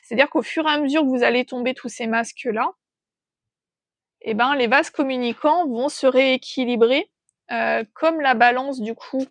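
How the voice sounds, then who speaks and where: A woman with a fairly high voice reads tarot cards for her listeners, feeling her way through the message in a gentle, hesitant manner. She thinks aloud and pauses often as she senses the cards. Her voice is close and dry, with no room sound. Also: dry recording. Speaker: tarot reader.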